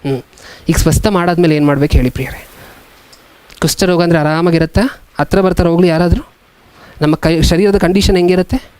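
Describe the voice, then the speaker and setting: Pastor guy preaching, fairly high voice, keeps asking the crowd questions, dry close sound. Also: fairly even intonation, a little mellow, clean tone, no echo. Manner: asks the congregation many questions, reads scripture slowly. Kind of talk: sermon.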